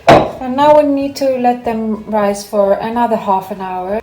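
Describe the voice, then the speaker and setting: A slightly high-voiced woman speaks at a measured pace over background noise as she demonstrates baking in her home kitchen. She is a vlogger from Greece, raised in Sweden, keeping the chat casual. Faint music and an echoey room round out the sound.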